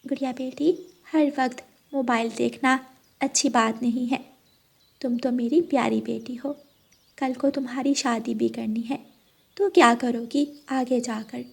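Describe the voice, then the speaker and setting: A woman voicing a small, gentle mother sparrow in a cartoon, talking softly and pleadingly. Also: fairly high pitch, steady tone, unhurried, gravelly, husky, heavily acted. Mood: gentle scolding. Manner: pleading, soft-spoken.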